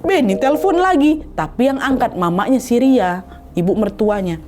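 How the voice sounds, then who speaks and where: A woman's voice: fairly high pitch, animated, normal speed. A young woman, casually telling a horror story in a chatty way, addressing listeners directly.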